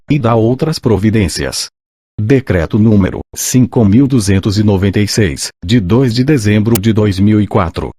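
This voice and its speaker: Low, husky synthesized Brazilian male voice. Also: mellow, no echo, clean studio sound. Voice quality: synthesized text-to-speech voice, like an old speech synthesizer. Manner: mechanical, measured, impersonal reading. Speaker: audiobook narrator. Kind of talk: scripted audiobook reading of a list of laws and credits.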